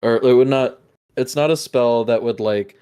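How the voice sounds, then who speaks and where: A man's voice: mid-range voice, moderate pace, dark tone, smooth. A man narrating as game master in a tabletop game, talking casually with many fillers and restarts.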